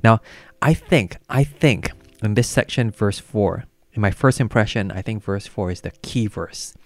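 A man leading a Bible study, thinking aloud through a passage in a musing, halting way, restarting often and laughing softly. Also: on the low side, no room sound.

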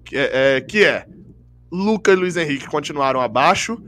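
A man's voice: fairly high pitch, lively intonation, normal speed, fairly bright tone. A man hosting a casual football chat, talking at length and restarting his sentences often. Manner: talkative, explains at length with many restarts. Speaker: football podcast host.

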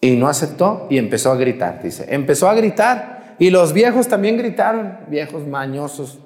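A male priest, preaching during mass in a lively, teasing way and putting questions to the congregation. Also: on the high side, normal speed, in a large hall. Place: church.

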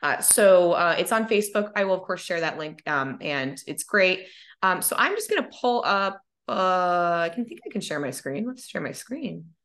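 A woman's voice: fairly low pitch, big pitch swings, moderate pace, a bit bright. Chatty woman podcast host. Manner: chatty, laughs easily, many fillers. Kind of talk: casual podcast chat.

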